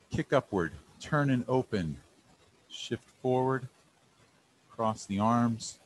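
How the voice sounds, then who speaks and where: Low-voiced man calmly cueing tai chi moves. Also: poor audio. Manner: short clipped instructional phrases in a calm, measured delivery. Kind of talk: calling out tai chi movement cues step by step.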